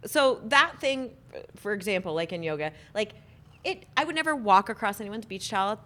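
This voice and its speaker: A woman's voice: mid-range voice, animated, brisk, bright, forceful tone. Chatty laughing woman podcast co-host. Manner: chatty, laughs often, storytelling. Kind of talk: casual chat.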